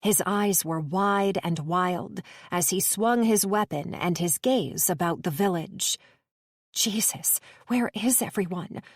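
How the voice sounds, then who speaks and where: A woman narrating an audiobook in a measured, even storytelling manner. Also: fairly low pitch, no room sound, clean studio sound. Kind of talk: scripted narration.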